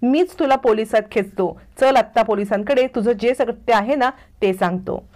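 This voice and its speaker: A woman's voice: a little high, normal speed, darkish tone, natural voice. A woman voicing an angry young man from a television serial, speaking sternly and scolding.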